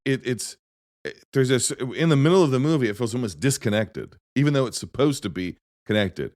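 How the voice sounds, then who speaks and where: A man hosting a podcast rambles about movies in animated stories, frequently breaking off mid-sentence. He has a mid-range voice and talks a little fast, captured in a dry, studio-quality recording.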